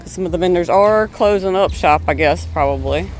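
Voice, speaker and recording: A man's voice: high voice, normal speed, a little hiss or hum. A man hosting a vlog, chatting unscripted as he walks outdoors, stammering now and then. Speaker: vlog host. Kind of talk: casual walking-tour narration. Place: outdoors at a waterfront marina, walking.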